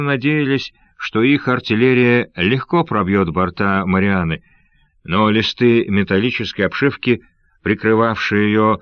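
Reading scripted adventure-novel narration, this low-voiced man keeps a calm, even pace that recalls an old-fashioned audiobook. There is no room sound at all, and the audio is dry with a somewhat dull, lo-fi quality.

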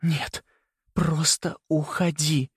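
A man's voice: high voice, expressive, measured pace, creaky, fairly bright tone, no echo, studio quality, voice pushed up, heavily acted. A man voicing an older grandmother she-wolf, pleading and fierce in a read-aloud story. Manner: pleading, then snarling. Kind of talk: audiobook character voice.

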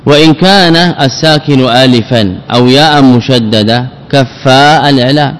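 A man teaching a grammar lesson, repeating word forms slowly and putting questions to himself before answering. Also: mid-range voice. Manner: repeats words, drills forms, asks and answers own questions. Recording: long hall reverb.

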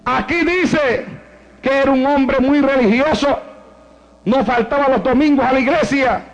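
A man's voice: very high-pitched, unhurried, voice pushed up, poor audio. A male preacher voicing a dutiful angel who reads aloud from a heavenly record like a clerk. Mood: reading.

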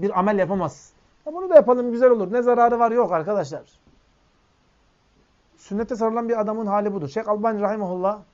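An Islamic preacher with a somewhat high, slightly mellow voice delivers a sermon, reciting Arabic quotes and explaining them line by line. He addresses his listeners as friends, and the recording sounds dull and lo-fi.

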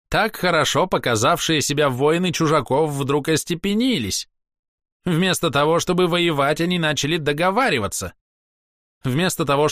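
A haughty elf with a ringing voice, pitched well above the reader's own and declaiming every phrase, as a male narrator puts him on. He is grandiose, capricious and full of spite. The reading is dry and close. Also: a bit bright, no echo, lightly acted. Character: proud theatrical elf man, spiteful and vengeful.

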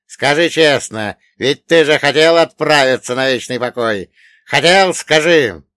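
A man plays a sneering middle-aged oligarch in an audiobook. The voice is cold, contemptuous and louder than the narration around it, with sharp barked words. The recording is dry and close. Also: medium pitch, moderate pace, clear, resonant tone, no room sound, pitched above the performer's own voice, close to an everyday voice. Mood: menacing. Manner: scornful, barking.

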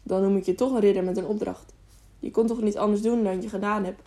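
A woman's voice: medium pitch, fast talker, close to an everyday voice. A woman voicing an eager, curious young mountain boy who asks question after question in a storybook reading. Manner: lively, eager, sometimes whispering excitedly.

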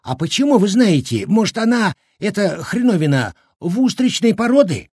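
A man voicing a sly, boastful old Cossack cook with a squeaky, rustic, bickering voice. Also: big pitch swings, moderate pace, a little mellow, slightly rough, dry recording, studio quality, exaggerated voice. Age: older.

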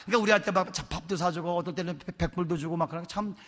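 A man, a pastor, telling stories in a lively, chatty sermon in a church. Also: high voice, racing. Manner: animated, chatty, laughs while telling. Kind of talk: sermon storytelling. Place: church sanctuary. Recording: long church hall reverb.

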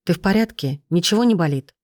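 A woman's voice: lowish voice, lively intonation, quick pace, darkish tone, no echo, studio quality, lightly acted. A woman voicing a protective, anxious young man in a storybook, speaking curtly. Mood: concerned. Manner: curt, commanding.

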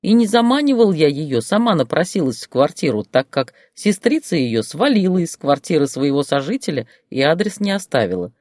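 A reader voicing a sulky, sardonic young man who grumbles back at his accusers quickly and dryly. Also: mid-range voice, sing-song, a little mellow, dry recording, studio quality, voice pushed up, lightly acted. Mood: grumbling.

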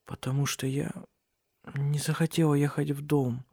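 A man's voice: on the high side, little pitch movement, moderate pace, a little mellow, no room sound, studio quality, voice pushed up. A man doing a frail, tearful young noblewoman. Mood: weak, whispering. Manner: faint, breathy, pleading. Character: young noblewoman, injured and grieving, fragile.

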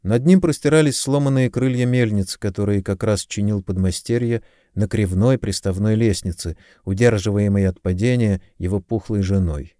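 Male audiobook narrator, low voice, mellow tone, dry close recording, calm measured reading. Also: no room sound. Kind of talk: scripted narration.

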